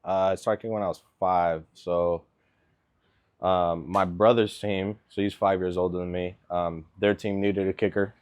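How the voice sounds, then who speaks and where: A man in his twenties, born in Venezuela and raised in Miami, answering interview questions as an NFL kicker in a relaxed way, with lots of filler words. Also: deep voice, normal speed. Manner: laid-back, lots of ums and likes.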